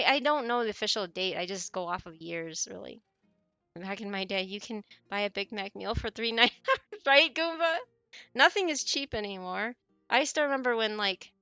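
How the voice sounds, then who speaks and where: A woman's voice: on the high side, sharp tone, no room sound. A woman in her forties, chatting casually with viewers on her stream, rambling and often correcting herself mid-sentence. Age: 40s.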